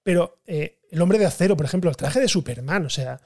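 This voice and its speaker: Lively high-voiced Spanish man. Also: a little fast. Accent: Spanish from Spain. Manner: animated, laughing, swears casually. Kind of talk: casual film discussion.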